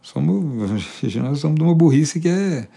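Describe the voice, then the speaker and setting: A gravelly-voiced man from the interior of São Paulo state muses at a slightly slow pace, his fairly high pitch carrying lively intonation and a warm tone. As a singer-songwriter in an interview, he delivers a thoughtful conversational monologue with many restarts and repetitions.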